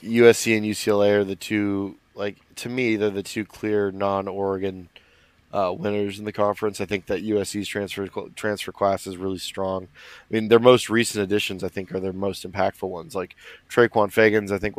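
A lowish male voice, clearly congested and nasal, as though he cannot breathe through his nose. He talks casually and emphatically as a sports analyst. The sound is dry, with little room in it. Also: level tone, a little fast, no room sound. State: congested, stuffed-up nose from allergies.

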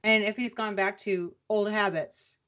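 A woman podcast co-host chatting casually and recapping news, with relaxed, hesitant pauses. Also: medium pitch. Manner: conversational, relaxed with many "um" pauses.

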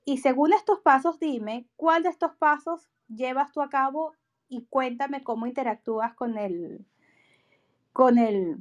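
A woman with a high voice leads a training talk for agents. She instructs emphatically, punctuating her points with short questions to make sure everyone follows. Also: lo-fi sound. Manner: emphatic, checks understanding with short tag questions. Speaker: real estate trainer and host.

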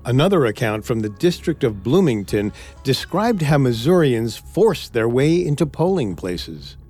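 A man's voice: medium pitch, very animated, a little slow, darkish tone, breathy edge. A man co-hosting a history podcast, reading a script and voicing quotes with drama. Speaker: podcast co-host. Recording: faint music bed.

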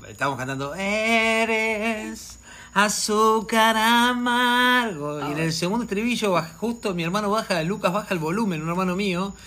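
An Argentine Rioplatense man, a father, chatting on a podcast as an animated, teasing storyteller. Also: high-pitched, very fast, few pauses. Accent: Argentine Rioplatense Spanish. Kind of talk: casual podcast chat.

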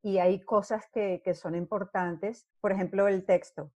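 Mellow-voiced actress. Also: female voice, medium pitch, a little slow, dry recording. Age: middle-aged. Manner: animated storyteller who acts out scenes. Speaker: actress, interview guest. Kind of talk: casual interview talk.

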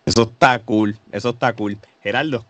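A man's voice: mid-range voice, steady tone, fairly bright tone, no room sound. Male podcast host, dry sound. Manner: friendly, quick affirmations. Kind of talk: casual interview.

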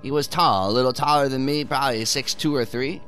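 This actor, close to his everyday voice at a medium pitch, sounds brisk and a bit bright over soft background music. He portrays a rich man's son in naturalistic audio drama, cynical and irritated, with a dismissive, scornful manner and sarcastic chuckles.

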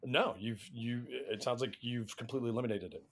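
Fairly quick and steady, this medium-pitched, fairly bright voice belongs to a middle-aged American man from around Atlanta. He's a guest on a podcast, casually trading anecdotes with dry, self-mocking humor in an interview setting.

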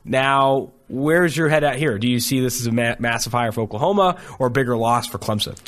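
A man co-hosting a sports podcast, talking in a casual, animated way, swearing and laughing at the absurd. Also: mid-range voice, a little fast. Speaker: podcast co-host.

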